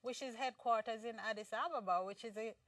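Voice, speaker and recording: A Jamaican-born woman, appearing as a guest in a conversational interview, explains things earnestly and restarts often. Her voice is a little high, brisk and somewhat bright. The mic sits at a distance, and the sound is dry with no echo.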